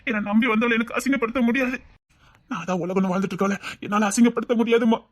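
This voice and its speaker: A man playing a fast-talking devoted groom. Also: extremely high pitch, fairly even intonation, dry recording. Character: young groom, devoted and protective. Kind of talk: Tamil web-series drama acting.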